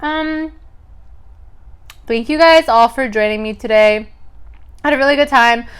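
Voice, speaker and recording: A woman's voice: on the high side, a little slow, smooth. Chatty young woman eating on camera. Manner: chatty, lots of "like", chewing sounds between lines. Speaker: mukbang vlogger. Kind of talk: casual chat while eating.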